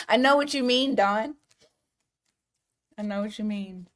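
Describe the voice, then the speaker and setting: A woman's voice: mid-range voice, measured pace. A woman giving live tarot readings, talking casually to viewers, laughing often and circling back on her words. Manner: chatty, laughs often, restarts and fillers. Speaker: tarot reader.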